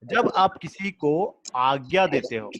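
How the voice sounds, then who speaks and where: A man's voice: a little high, animated, slow pace, heavy background noise. A male teacher giving a grammar lesson to a class, explaining patiently, repeating examples and checking that students follow.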